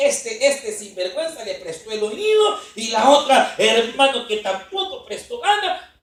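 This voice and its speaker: A man preaching a sermon as pastor at a conference, telling stories with lively energy and often calling out to the congregation. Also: sits high, a little hiss or hum. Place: church conference hall. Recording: echoey hall, voice from far off.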